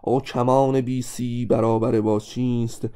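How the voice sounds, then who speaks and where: A man teaching an exam-review math lesson, animated and constantly addressing his students directly. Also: medium pitch, clear, resonant tone.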